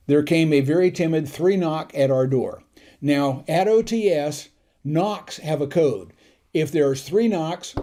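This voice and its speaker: Older male host recalling old stories; warm, mellow tone, a bit high, easygoing and gentle. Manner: gentle, unhurried anecdotes with soft chuckles. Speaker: tutorial channel host. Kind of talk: reminiscing storytelling.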